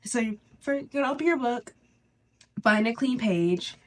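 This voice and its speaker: A woman hosting a spirituality channel gives a casual, chatty tutorial in a somewhat high voice that sounds stuffy and congested. Her informal delivery is halting, broken by pauses for breath.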